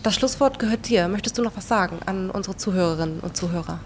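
A woman's voice: medium pitch, fast talker, slight background noise. A woman hosting a podcast, asking questions in a casual, friendly interview. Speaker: podcast host.

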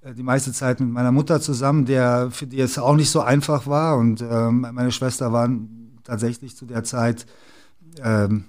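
At normal speed and with a steady tone, a middle-aged man speaks in a medium-pitched, slightly mellow voice. He is a basketball club executive from the former Yugoslavia, guesting in a casual interview and talking with many fillers and restarts.

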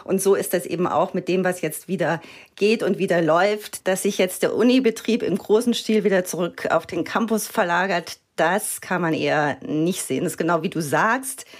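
A woman's voice: lowish voice, normal speed. A woman answering as a journalist guest on a news podcast, thoughtful and fond of imagery. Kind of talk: interview answer.

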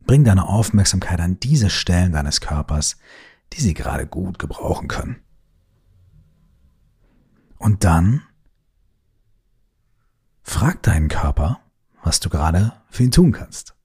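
A man guides a listener toward sleep in a very slow, soothing voice. His tone is deep and a little husky, and he often drops to a soft whisper. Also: very animated. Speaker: meditation guide.

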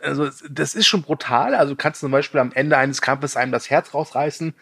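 A man's voice: on the high side, brisk, creaky, fairly bright tone, slightly rough, no room sound, clean studio sound. A man from Germany, a guest on a film podcast, chatting casually and self-deprecatingly about games and movies. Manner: chatty, self-deprecating, laughs while telling anecdotes. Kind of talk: casual chat.

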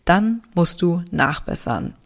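Stuffy-nosed German woman podcaster, creaky voice. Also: lowish voice, very animated, takes it slowly. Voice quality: nasal, stuffy nose. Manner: chatty, blunt, with casual swearing. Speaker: podcast host. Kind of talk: casual solo podcast talk.

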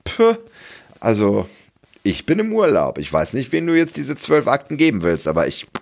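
A man's voice: mid-range voice, wildly swooping pitch, normal speed, vocal fry, a little mellow, voice pushed up. A man voicing a sensible, self-protecting inner woman's voice who sighs and sets her limits. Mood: reluctant. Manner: sighing, reluctant, setting limits.

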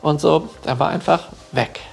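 A man's voice: fairly high pitch, normal speed, creaky, husky, faint music behind. A man casually retelling a legend in a loose, conversational way, with many fillers. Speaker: storyteller.

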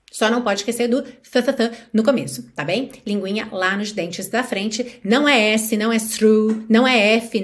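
A woman English teacher with a Brazilian Portuguese accent, explaining pronunciation patiently step by step and sounding out English words slowly and clearly. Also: fairly high pitch. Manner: friendly, uses affectionate diminutives.

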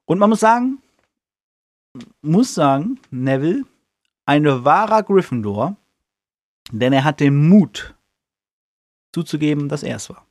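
A man's voice: a little high, big pitch swings, a little slow, pauses often, a little mellow, no room sound, clean studio sound. A man hosting a podcast who casually retells a book chapter in a chatty way, with many fillers and restarts. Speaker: podcast host.

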